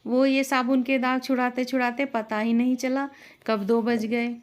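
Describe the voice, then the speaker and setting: A woman narrating a scripted family story in a steady, plain storytelling manner. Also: a little high, normal speed.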